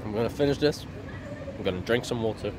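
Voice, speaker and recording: A man's voice: on the low side, fast. A man chatting casually while eating, his mouth full of pasty, sweary and rambling. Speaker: vlogger. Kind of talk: casual vlog chat. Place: outdoors in a town street. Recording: outdoor street noise. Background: traffic and street noise.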